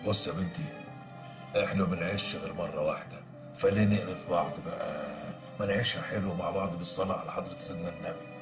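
A man's voice: sits low, fairly even intonation, quick pace, over music, natural voice. An actor playing a fatherly Egyptian man giving soothing advice. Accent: Egyptian Arabic. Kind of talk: TV drama acting.

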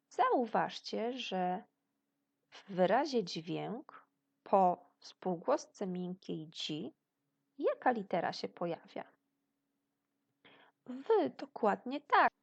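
A Polish woman teacher giving a video lesson to young children, slow and patient, praising their answers as if they were present. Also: mid-range voice, sing-song, creaky, muffled recording. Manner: praises pupils' imagined answers. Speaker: primary school teacher.

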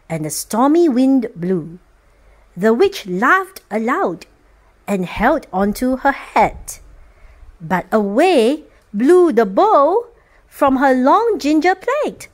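Slow, sing-song woman reading a picture book. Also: high-pitched. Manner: expressive, sing-song, rhyming cadence. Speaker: storyteller for children.

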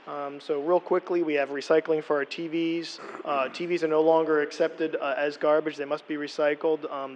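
A man's voice: a little high, lo-fi sound, a little hiss or hum. A middle-aged man presenting to a borough council in a meeting room, explaining plainly with frequent ums and restarts, speaking at a podium microphone.

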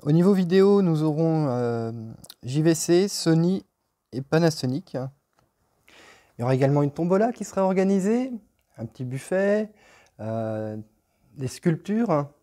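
A man's voice: on the high side, animated, measured pace, long pauses, mellow. A man in his thirties presenting his shop's open house, reading off long lists of brands with many hesitations, in a showroom. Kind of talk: casual presentation to camera. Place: hi-fi showroom with stone walls, indoors.

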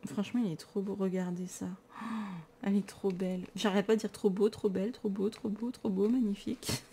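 A woman's voice: mid-range voice, little pitch movement, a little fast, warm tone, husky. Chatty tired French woman vlogging. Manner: chatty and enthusiastic, self-mocking. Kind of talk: casual chat, showing books.

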